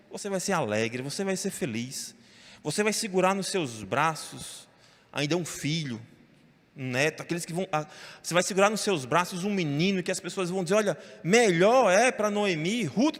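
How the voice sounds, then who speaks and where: A man preaching a sermon as pastor, telling Bible stories in an animated way and acting out the characters' lines. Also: fairly high pitch. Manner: animated storytelling, voicing biblical characters. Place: church sanctuary. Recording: long reverb of a church hall.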